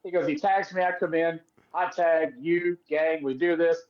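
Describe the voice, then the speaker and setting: He's a former wrestler co-hosting a podcast, his fairly high voice moving at a moderate pace while the highs are clipped off. Telling stories in casual talk, he animatedly voices the people in them.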